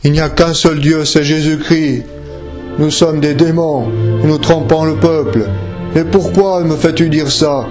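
A man voicing a lying male demon trapped inside a pagan statue, speaking in a shrill, frantic voice over background music. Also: steady tone, measured pace, natural voice. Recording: music playing behind.

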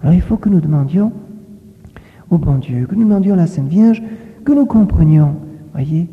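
A fairly high-voiced man preaches a catechism lesson, his pitch rising and falling in a lively, coaxing way. He keeps checking that his listeners follow. The sound is a long hall echo squeezed through a thin, phone-like band. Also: moderate pace. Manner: gentle, coaxing, keeps asking "voyez?". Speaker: priest teaching children. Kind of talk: catechism sermon with storytelling. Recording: echoey hall on a tinny phone-like line.

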